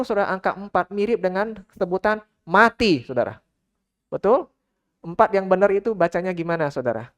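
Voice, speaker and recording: A woman preaching a church sermon who keeps turning to the congregation with questions and direct address. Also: medium pitch. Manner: engages the congregation with frequent questions, addressing listeners as "Saudara".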